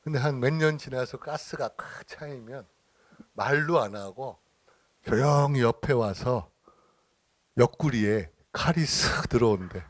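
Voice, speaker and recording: A man's voice: mid-range voice, a little slow, no room sound. A middle-aged man giving an informal lecture, telling anecdotes with acted-out dialogue and frequent laughter. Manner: chatty storytelling, acting out dialogue, frequent laughter. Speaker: lecturer and church minister.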